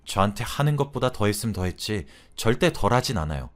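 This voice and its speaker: A man's voice: fairly low pitch, very animated, fast talker. A man narrating a wife's real-life story in a chatty, confiding storyteller's manner. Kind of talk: scripted narration of a listener's story.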